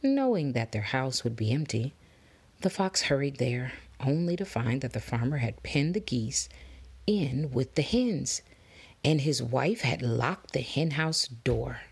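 A woman reading a children's fable aloud, expressive, dropping into soft whispers for suspense. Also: very deep voice, measured pace, slightly rough. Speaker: storybook reader. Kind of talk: children's story read-aloud.

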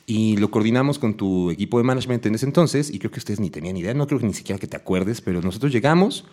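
A quick-talking man, hosting a relaxed conversation. He rattles through his questions, drops in constant little agreements, and keeps the talk moving. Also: on the low side. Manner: quick, chatty, frequent filler agreements. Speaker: podcast host. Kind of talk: casual conversational interview.

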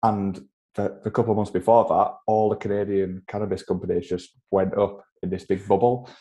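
Podcast guest: Yorkshire man in his twenties, deep mellow voice, chatty and self-deprecating. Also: steady tone, a little fast. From Yorkshire, England. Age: 20s. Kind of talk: casual interview chat.

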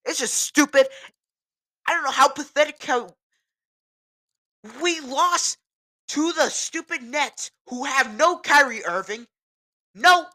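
A woman's voice: high voice, measured pace, long pauses, pushed and bright, no echo, studio quality. A woman from New England ranting about her team in an agitated, repetitive way. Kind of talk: ranting sports vlog.

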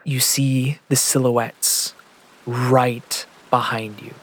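Guy running a tabletop game, mid-pitched voice, talks it up slow and tense, repeats stuff for suspense. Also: flat delivery. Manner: descriptive, builds suspense with repetition. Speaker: game master. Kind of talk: second-person narration of a tabletop game.

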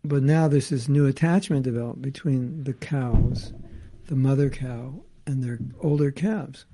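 With a dark tone, mid-range pitch, and measured pace, this man teaches scripture by reading a passage and then commenting on it in casual asides.

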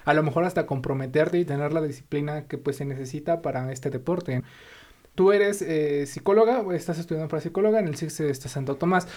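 A woman interviews her guest in a relaxed way. She asks long, winding questions and often chimes in to agree. Her voice is quite low for a woman. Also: fairly quick. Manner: chatty, with frequent backchannel agreement. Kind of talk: casual interview.

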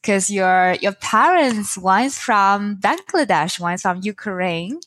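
A woman's voice: medium pitch, expressive, slow pace, a bit bright. A woman interviewing a guest with short, direct questions.

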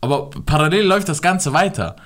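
A man's voice: on the high side, fairly quick. A young man with a manner, telling an anecdote in casual chat, acting out quotes and laughing often. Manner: slangy, animated, acts out quotes, laughs often.

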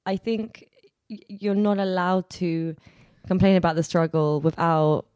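A woman talking casually as a podcast guest, animated and laughing often, swearing casually. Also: on the low side, measured pace, clean tone, dry recording, clean studio sound. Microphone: studio mic with headphones.

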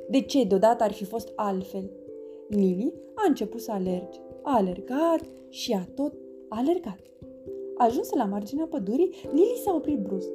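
A woman reading a children's storybook aloud in a lively, expressive way. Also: fairly high pitch. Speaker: narrator. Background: background music.

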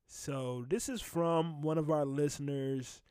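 A man in his late twenties hosting a podcast, keeping the talk on track in a steady way. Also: fairly high pitch, takes it slowly, clean tone, dry recording, studio quality. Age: late 20s. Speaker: podcast host. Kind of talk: casual chat.

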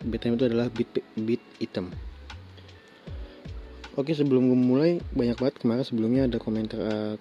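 A man in his twenties with a Jakarta accent and a lisp hosts a casual solo podcast, telling personal stories in an informal, halting way with indistinct articulation. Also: on the low side, mellow. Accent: Jakarta Indonesian. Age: 20s. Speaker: podcast host. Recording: dull lo-fi sound, faint music behind.

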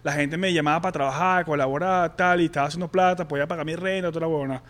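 A young man with a Venezuelan accent candidly telling a personal story on a podcast, halting and full of slang. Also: a little high, fairly even intonation, fairly bright tone. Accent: Venezuelan Spanish. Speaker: podcast co-host.

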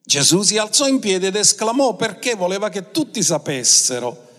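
A man's voice: sits high, big pitch swings, moderate pace, fairly bright tone, in a large hall. A man preaching a sermon as pastor, with dramatic swings of pace and emphasis.

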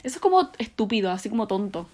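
A woman's voice: mid-range voice, sing-song, rapid-fire, darkish tone. A young woman with a Chilean accent, co-hosting a casual podcast and trading dry, teasing quips. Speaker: podcast co-host. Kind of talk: casual chat, word-guessing game.

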